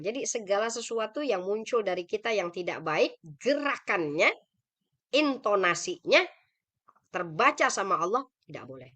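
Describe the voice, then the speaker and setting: A middle-aged woman religious teacher with an Indonesian accent lectures on scripture in a bright, clear voice. She explains things patiently and often puts a question to her listeners before answering it herself. She is heard through a video call. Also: on the low side. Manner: explanatory, asks the audience questions and answers them. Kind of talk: Quran study lecture. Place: online meeting.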